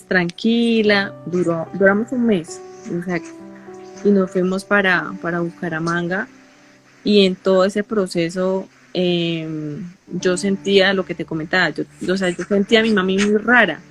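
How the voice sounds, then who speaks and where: A woman with a Colombian accent giving an emotional personal testimony in an interview, halting and repeating phrases as she goes. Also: fairly low pitch. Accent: Colombian Spanish.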